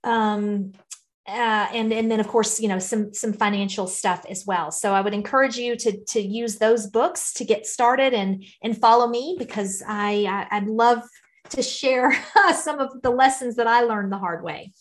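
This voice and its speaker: A woman's voice: fairly high pitch, a little slow. A woman talking conversationally as a podcast guest, in an earnest, encouraging way. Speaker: podcast guest, financial educator for parents. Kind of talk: conversational interview talk.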